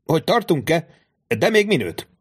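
A man voicing a smooth, mock-deferential bandit jailer in an audiobook. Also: fairly high pitch, big pitch swings, voice pushed up. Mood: mock-polite. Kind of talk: audiobook character voice.

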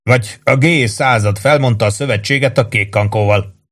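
A man's voice: mid-range voice, fairly bright tone, natural voice. A man voicing a cheerful, proud male soldier from Texas who speaks earnestly and emphatically.

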